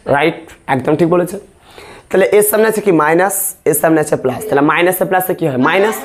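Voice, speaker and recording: Over crowd noise, a male math teacher leads a classroom lesson in a slightly high, slightly fast voice. He keeps up a repetitive call-and-response, asking questions and repeating the answers step by step.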